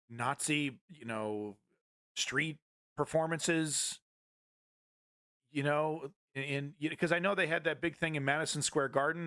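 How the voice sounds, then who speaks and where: Man streamer, bright tense voice, dry close mic, rambling, swears a lot. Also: a little high, no room sound. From United States. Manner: rambling, many restarts and expletives. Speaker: streamer host. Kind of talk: casual live-stream commentary.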